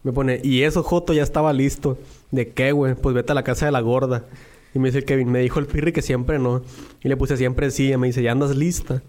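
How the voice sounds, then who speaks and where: A man's voice: mid-range voice, fairly even intonation, fairly quick, darkish tone. A young man with a northwestern Mexican accent, co-hosting a podcast in casual banter and swearing freely with lots of slang. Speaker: podcast co-host.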